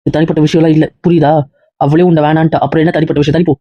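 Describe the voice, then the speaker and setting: Guy acting angry big brother, harsh threats, quick, dull dry sound. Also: on the high side, level tone, no room sound, lightly acted. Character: angry protective older brother. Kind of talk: amateur web-series acting.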